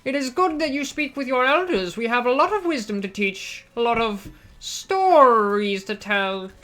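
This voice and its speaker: A woman voicing a greedy, condescending old male architect in a game, with a pompous, drawn-out manner. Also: fairly high pitch, lively intonation, a bit bright, pitched above the performer's own voice. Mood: smug, greedy.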